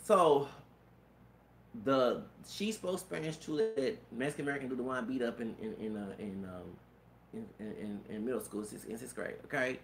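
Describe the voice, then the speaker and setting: A mid-range, feminine-sounding voice belongs to a man in his thirties rambling at normal speed about something personal. His telling is full of stammered restarts, cursing, and frequent "you know what I'm saying," recorded with a roomy echo and faint background noise.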